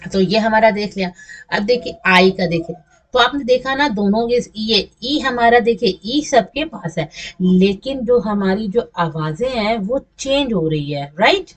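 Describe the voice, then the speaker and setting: A woman's voice: mid-range voice, animated, a little slow. A woman English teacher giving a slide lesson, patiently repeating and stretching example words. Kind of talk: classroom lesson over slides.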